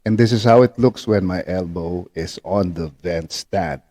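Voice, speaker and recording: A man's voice: low-pitched, normal speed, warm tone. A man giving an instructional demonstration as a teacher, patient and repetitive, often checking in with short tag questions. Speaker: ventriloquism instructor.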